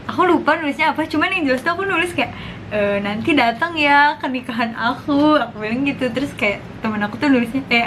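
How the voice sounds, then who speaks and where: A woman's voice: sits high, fairly bright tone. A woman, chatting casually and informally to viewers as she eats, sometimes with her mouth full. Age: 20s. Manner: talks while eating, mouth sometimes full; chatty, informal, slang and English interjections. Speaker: vlogger. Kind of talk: casual mukbang chat to viewers. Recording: clear background noise.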